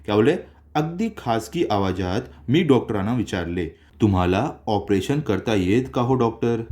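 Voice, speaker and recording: A man's voice: on the low side, lively intonation, moderate pace, dark tone. A man teaching a school chapter. He reads each line aloud and then explains it in simple, everyday words, like a tutor going through a textbook.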